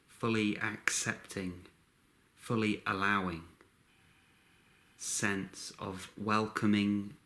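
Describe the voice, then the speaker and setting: A man guides a meditation in short phrases separated by long pauses, measured and instructional. His voice sits on the low side with a fairly bright tone.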